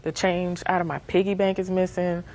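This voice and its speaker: A woman's voice: fairly low pitch, level tone, moderate pace, background noise. A woman in her twenties giving plain, informal testimony as a plaintiff in a TV court. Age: 20s.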